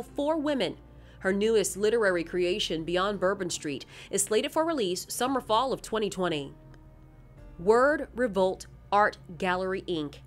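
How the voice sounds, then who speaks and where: A woman co-hosting an arts awards show, announcing nominees and reading their bios. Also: medium pitch. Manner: bright, announcing.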